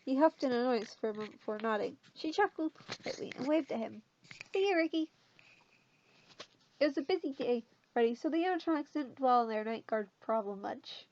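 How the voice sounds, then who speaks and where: High-voiced woman reading fanfiction aloud. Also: expressive, quick pace, few pauses, darkish tone, a little hiss or hum. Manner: chatty, self-questioning, many fillers. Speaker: fanfiction reader. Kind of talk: casual reading aloud with asides. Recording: dull lo-fi sound.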